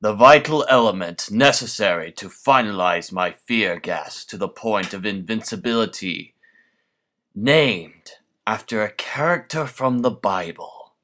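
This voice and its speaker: A man's voice: fairly low pitch, expressive, bright, forceful tone. A man voicing a menacing scarecrow villain, a sadistic, grandiose mad scientist delivering a theatrical, pompous monologue. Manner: menacing scarecrow voice, slow, pompous, florid and deliberate.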